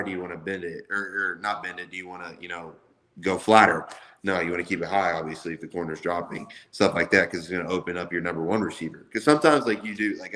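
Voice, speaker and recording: A college football player in his twenties chats casually in an interview, talking loosely with lots of slang and saying "like" often. His voice is low, bright and forceful, though the audio quality is poor.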